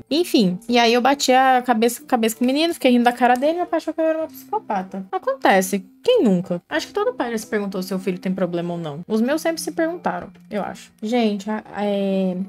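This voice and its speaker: Young woman rambling casually to her viewers during makeup, slightly high voice, soft music underneath. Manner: chatty, slangy, self-mocking asides to viewers. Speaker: cosplay vlogger. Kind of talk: casual storytelling while doing makeup.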